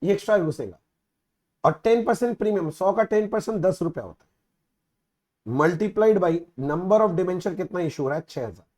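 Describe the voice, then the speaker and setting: A man's voice: high-pitched, expressive, normal speed, a little mellow. A man teaching accounting in a casual lecture, mixing Hindi and English and checking in with students often. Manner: mixes Hindi and English, asks students frequent check-in questions. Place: recorded teaching video.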